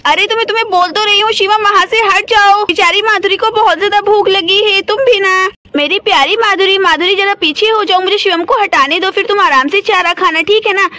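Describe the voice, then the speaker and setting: A woman's voice: very high-pitched, fairly quick, hardly any pauses, sharp tone, no room sound. A woman voicing a busy village mother in a doll story who scolds her son. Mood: scolding. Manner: bossy, scolding.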